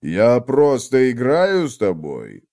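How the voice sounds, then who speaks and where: A man voicing a big, lazy male buffalo who drawls slowly and teases. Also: medium pitch, wildly swooping pitch, warm tone, exaggerated voice. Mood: mocking. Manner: slow, drawling, teasing.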